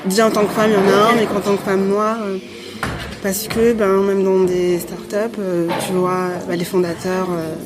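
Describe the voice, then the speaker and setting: A woman's voice: medium pitch, little pitch movement, moderate pace, noisy background. A woman, a podcast guest, talks casually and hesitantly with many fillers. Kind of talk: casual conversation.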